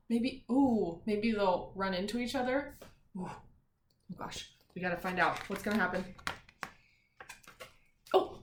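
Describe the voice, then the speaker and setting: A teacher reads a picture book to young children in a medium-pitched voice, expressive and emphatic on the story, then softer and encouraging in conversational asides and questions. The room sounds echoey.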